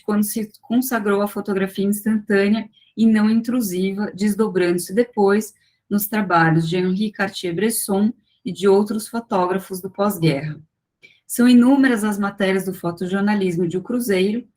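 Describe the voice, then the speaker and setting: Walking through her slides on a video call, a woman delivers an academic talk as a guest lecturer. Her mid-range voice stays measured, though she often restarts and slips in little fillers.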